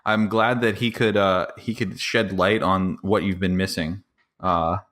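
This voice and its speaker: Deep-voiced young man chatting on a podcast. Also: little pitch movement, measured pace, a bit bright. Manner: rambling, many restarts, laughs easily. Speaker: podcast co-host. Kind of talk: casual chat.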